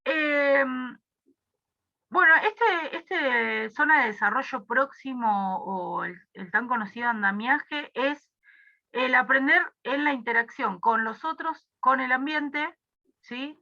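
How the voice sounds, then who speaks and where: A woman's voice: sits high, slow pace, gravelly, pushed and bright, highs cut off. A young woman with a Rioplatense Spanish accent, tutoring a review class casually with many fillers and asides.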